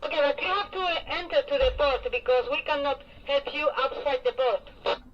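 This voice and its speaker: Woman on the marina radio, high voice, short clipped instructions, muffled radio speaker w faint hiss. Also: moderate pace. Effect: heard over a marine VHF radio.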